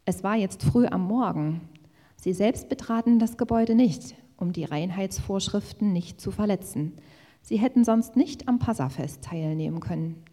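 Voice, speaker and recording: Female reader for a Bible passage: steady, measured pace, dark soft timbre, reverberant hall. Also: medium pitch. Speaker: scripture reader. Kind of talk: Bible reading aloud.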